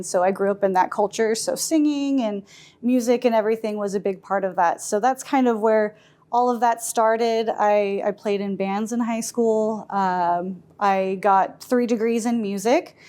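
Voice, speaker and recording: A woman's voice: medium pitch, darkish tone. Woman, 30s, music librarian; friendly, casual, hesitant interview answers. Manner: friendly, with many fillers and restarts.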